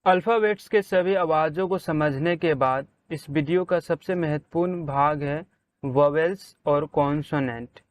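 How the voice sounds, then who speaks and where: A man teaching English pronunciation in a slow, deliberate way, saying each example word out loud with strong stress. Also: on the high side. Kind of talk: slow spelled-out pronunciation lesson.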